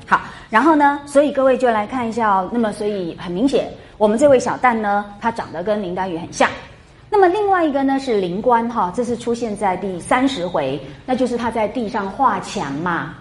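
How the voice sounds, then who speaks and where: A woman lecturing a class on a classic novel, chatty and animated, full of rhetorical questions. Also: a little high, brisk, a little hiss or hum. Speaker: literature lecturer. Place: classroom with students.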